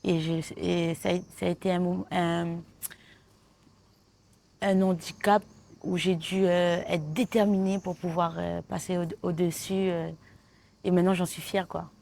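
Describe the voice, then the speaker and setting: A woman's voice: on the low side, little pitch movement, measured pace, gravelly, a little mellow. A woman from La with a lisp that makes her s slushy, chatting informally as an interview guest and thinking aloud. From La Réunion. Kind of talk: casual chat.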